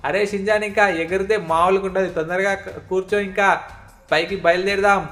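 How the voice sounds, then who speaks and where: A worried, fussing uncle, voiced by a performer in a fan-dubbed game parody, talking quickly and scolding the boy by name again and again. The tone stays even, with little rise and fall. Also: medium pitch, faint music behind, natural voice. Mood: casual. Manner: scolding, calling the boy over and over.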